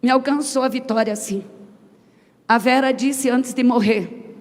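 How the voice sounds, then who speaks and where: A woman's voice: fairly high pitch, unhurried. A woman giving an emotional personal testimony, telling a family story and acting out the voices she quotes. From Brazil. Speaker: testimony speaker. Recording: long hall reverb.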